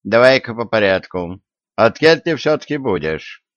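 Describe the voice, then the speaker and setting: A man's voice: on the low side, very animated, normal speed, dry recording, lo-fi sound. Man playing a blustering old-fashioned tsar. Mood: interrogating. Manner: archaic folksy speech, commanding.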